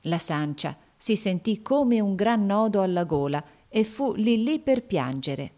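A woman narrating a children's story aloud in a measured, expressive way. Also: mid-range voice. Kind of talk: storybook reading.

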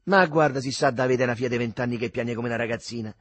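A man voicing a loud, indignant middle-aged woman with a Roman accent, scolding shrilly. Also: medium pitch, quick pace, close to an everyday voice.

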